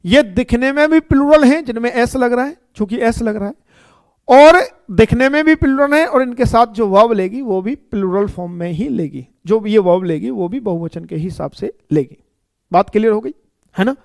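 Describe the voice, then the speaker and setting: A man's voice: very high-pitched, no echo. A man teaching an English grammar class, explaining step by step, repeating himself and checking in with his students. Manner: explains slowly and repeats, often checking with "ठीक है" and "है ना". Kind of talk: classroom lecture.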